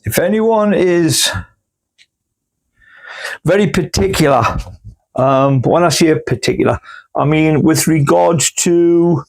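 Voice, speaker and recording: A man's voice: fairly high pitch, takes it slowly, vocal fry, long pauses. A man chats casually as host while potting plants indoors, rambling and homely, with hiccups. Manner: rambling, homely, full of fillers. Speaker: gardening channel host. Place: indoors in a cool grow room.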